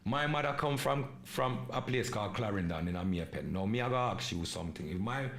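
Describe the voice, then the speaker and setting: Man, Jamaican Patois-inflected English, fairly low voice, podcast host, emphatic, repetitive, slangy. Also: animated, a little fast, a bit bright. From England. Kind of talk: live podcast monologue.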